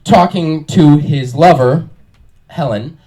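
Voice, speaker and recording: A man telling a comic anecdote on stage with a halting, wry build-up. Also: on the high side, mellow, low-quality recording. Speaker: comic storyteller. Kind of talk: comic storytelling to an audience.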